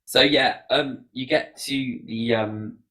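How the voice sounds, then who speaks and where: A man narrating a tabletop game as game master, in a halting, conversational way. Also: mid-range voice, steady tone, bright, forceful tone, low-quality recording.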